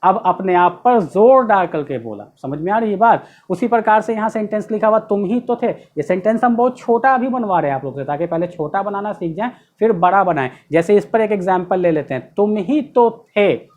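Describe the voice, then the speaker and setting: A man's voice: high-pitched, expressive, brisk, few pauses, darkish tone, lo-fi sound. A man teaching English grammar in a classroom-style lesson, explaining step by step and checking with rhetorical questions. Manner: explains step by step, asks rhetorical questions, stresses key words.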